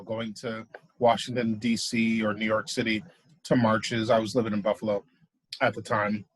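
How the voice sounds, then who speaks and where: A man with a somewhat husky voice talks easily and uses plenty of fillers in a casual interview. The sound is dry and close, with no room echo. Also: mid-range voice. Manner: relaxed, filler-heavy speech.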